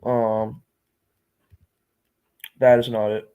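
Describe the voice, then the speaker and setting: Male livestream weather host, mid-pitched, unscripted storm-tracking commentary, instructive and repetitive. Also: level tone, very slow, clean tone, phone-quality sound.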